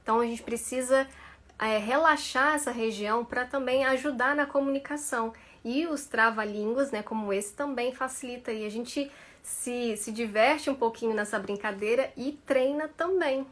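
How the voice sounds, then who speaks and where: A woman's voice: a little high, moderate pace, a bit bright. A woman career mentor coaching viewers through tongue twisters on a live stream, playful and laughing often, stretching each syllable carefully.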